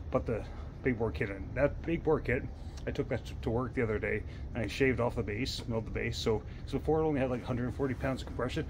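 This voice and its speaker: A man in his thirties, chatting casually to the camera outdoors in a fenced backyard, matter-of-fact and full of "uh" fillers, recorded on a camera mic a few steps away. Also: mid-range voice. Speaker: chainsaw vlogger. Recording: clear outdoor noise behind.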